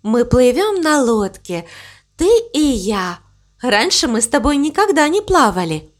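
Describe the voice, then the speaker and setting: A woman voicing a gentle, calm, motherly cow who speaks softly and tenderly. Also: high-pitched, measured pace, pitched above the performer's own voice. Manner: soft, tender, soothing.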